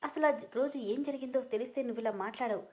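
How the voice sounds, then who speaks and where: A woman's voice: fairly high pitch, fast talker, a little mellow, lightly acted. A woman voicing an anguished young husband in a storybook reading, pleading earnestly with his wife to listen.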